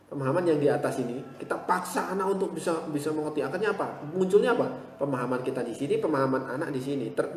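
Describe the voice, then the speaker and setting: A man teaching a live online class and answering viewers, reassuring and repeating his encouragements, at times turning loud and animated to stress a point. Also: on the high side, slight background noise. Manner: reassuring, repeats "ya" and "insya Allah", swings to loud animated emphasis. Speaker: motivational teacher. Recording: echoey room with long reverb.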